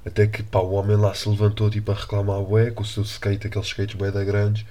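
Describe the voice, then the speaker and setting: A young man with a European Portuguese accent and a somewhat low voice tells a story in a casual, animated way. He swears freely and often breaks off to restart his sentences, like a podcast host chatting loosely. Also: fairly quick.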